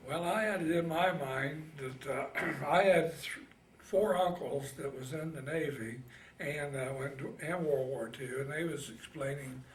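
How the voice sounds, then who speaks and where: Speaking with a Midwestern accent and a voice on the high side, this roughly eighty-year-old Navy veteran from Indiana, United States, shares casual oral history memories in a halting, folksy, plain way. The interview sounds roomy, with the mic placed far off and a little background noise.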